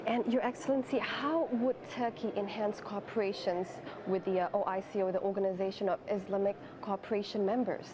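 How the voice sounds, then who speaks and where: Formal woman interviewer over clear background noise. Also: medium pitch, steady tone, a little fast, hardly any pauses.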